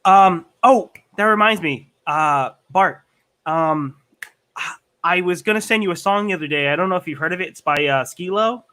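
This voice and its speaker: A man improvising sketch comedy over a video call, mock-indignant and teasing. His voice is high and bright. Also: normal speed. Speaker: comedy troupe member.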